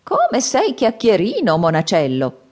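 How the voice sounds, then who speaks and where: A woman voicing an old man with a staff who warns and boasts, with high, drawn-out cries. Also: huge pitch swings, a little mellow. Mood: mocking.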